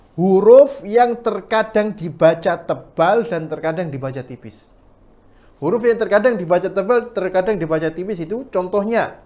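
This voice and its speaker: Man with a higher voice teaching recitation to a class; draws out sounds, then corrects. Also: darkish tone. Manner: demonstrates sounds slowly, then corrects firmly.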